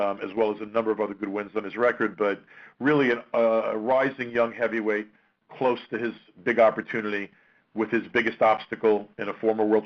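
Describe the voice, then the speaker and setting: Low, even-toned man on a conference line. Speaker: boxing promoter hosting a press conference call. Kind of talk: introducing speakers on a media call. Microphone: telephone conference call. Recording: dull lo-fi conference phone line.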